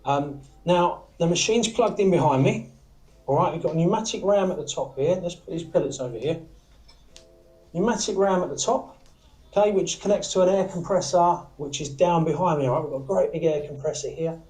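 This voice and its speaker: A British man briskly demonstrates his antenna-making process in a small indoor workshop, casually explaining each step and checking in with "all right?" and "okay?" along the way. His voice is on the high side with a darkish tone, and the recording is rough.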